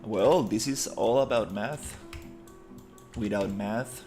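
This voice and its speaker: On a live stream, a man from Costa Rica mutters and rambles through his 3D modeling work, easygoing and heavy on fillers. His voice is on the low side and slow, with faint music in the background.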